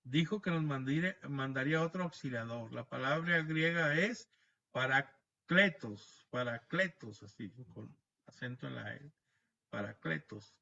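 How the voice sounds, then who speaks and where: A man leads a Bible class over a video call, explaining step by step and often checking with listeners. His voice is bright and forceful and sits a little high for a man. The audio is dull and lo-fi, as on a video call. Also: normal speed, gravelly. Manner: explanatory, frequent tag questions, restarts words.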